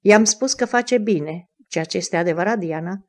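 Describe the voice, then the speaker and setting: A woman's voice: medium pitch, a little mellow, close to an everyday voice. A woman reading the part of a candid, spirited young noblewoman in an audiobook, earnest and a little defensive.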